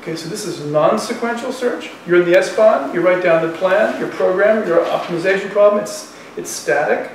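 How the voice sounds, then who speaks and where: Standing before a chalkboard in a university classroom, an economics professor in his sixties muses aloud in colloquial terms at a moderate pace, pausing little. His voice sits fairly high. The very echoey room is recorded from some distance, with faint background noise.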